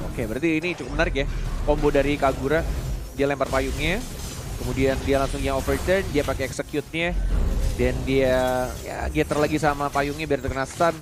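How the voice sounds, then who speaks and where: A man with an Indonesian accent giving live play-by-play esports commentary, excitable and shouting rapid calls at big moments. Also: medium pitch. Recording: loud music under the commentary.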